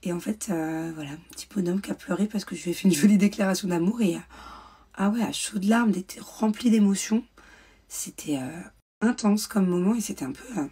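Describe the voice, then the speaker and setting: A woman's voice: medium pitch, fairly quick, warm tone, slightly rough. A young woman telling a personal story in a vlog, hesitant with many fillers and restarts. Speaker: mother vlogger. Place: indoors at home, ring light.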